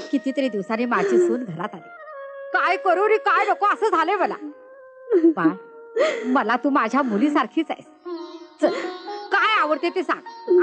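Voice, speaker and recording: A scolding mother-in-law. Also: high-pitched. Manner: scolding, lamenting. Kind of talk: film acting.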